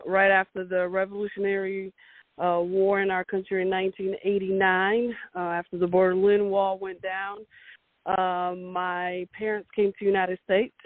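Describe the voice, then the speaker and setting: Over a dry, tinny phone line, a woman from Romania in her forties recounts her story as an interview guest. She speaks in a mid-range voice, dryly recorded, and fills her speech with hesitant fillers.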